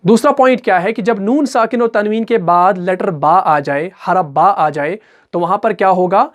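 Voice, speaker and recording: A man with an Urdu-speaking accent teaching Quran recitation rules step by step, asking questions and answering them himself, and chanting example words slowly with drawn-out syllables. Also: high voice. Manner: patient, repeats each example slowly. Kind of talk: step-by-step tajweed lesson.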